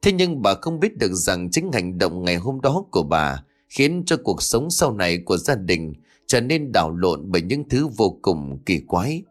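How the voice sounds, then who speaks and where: Male storyteller with lively pitch. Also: normal speed, faint music behind. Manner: expressive, storytelling cadence. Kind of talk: dramatic story narration.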